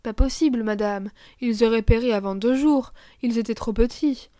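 A woman's voice: on the high side, normal speed, dark tone, dry recording, studio quality, lightly acted. A woman voicing a male gardener who speaks bluntly and matter-of-factly.

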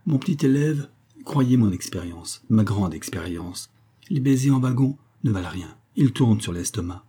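Man putting on a young widow's voice, raised pitch, husky, mellow, playful teasing, audiobook. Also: expressive, moderate pace. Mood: coy.

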